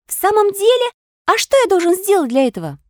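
A woman voicing a mischievous, eager wooden puppet boy in a squeaky, exclamatory child voice. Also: sing-song, brisk, darkish tone, no echo, studio quality. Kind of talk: audiobook character voice.

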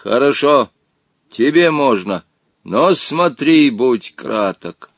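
A man's voice: medium pitch, expressive, slow pace, dry recording, studio quality. A man voicing a pompous, wrathful old male genie in an audiobook, speaking in archaic, threatening phrases. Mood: stern. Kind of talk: audiobook character voice.

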